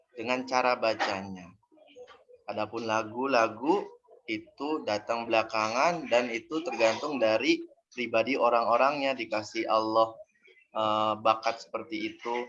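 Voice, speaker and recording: A man's voice: medium pitch, fairly bright tone. A man teaching Quran recitation in an online class, patiently explaining and drilling syllables aloud. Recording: dull audio with faint noise.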